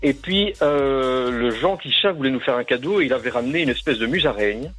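A man's voice: medium pitch, lively intonation, a little fast, fairly bright tone, faint music behind. A man calling in to a radio show, telling an anecdote in an easygoing, rambling way with frequent hesitations. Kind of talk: casual call-in chat, telling an anecdote.

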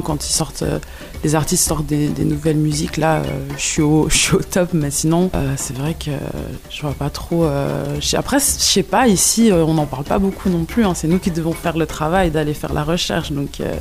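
Hesitant gravelly-voiced woman singer. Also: low voice, fairly quick, soft background music. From Switzerland and Cape Verde. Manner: hesitant, many fillers, relaxed. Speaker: singer, interview guest. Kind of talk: casual interview answers.

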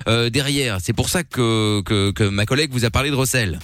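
A man hosting a radio prank call, hesitant and fussy, repeatedly asking everyone to calm down. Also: medium pitch, moderate pace, no echo, studio quality. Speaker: radio host. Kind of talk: prank call role-play.

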